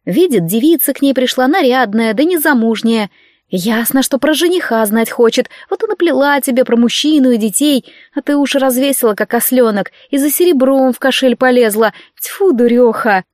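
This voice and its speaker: A woman voicing a grumpy, sharp-tongued female servant who scolds with scorn. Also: sits high, animated, normal speed, dry recording, studio quality. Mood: scornful.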